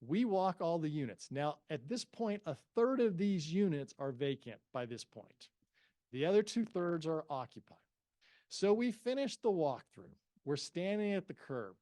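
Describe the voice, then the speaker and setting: A man's voice: a little high, moderate pace, no room sound. A middle-aged man presenting to real estate agents at a forum, telling an anecdote and acting out the dialogue of the people in it. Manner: animated storyteller, acts out the dialogue of the people in his anecdote. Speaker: real estate investment expert giving a presentation. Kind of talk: anecdotal storytelling at a professional forum.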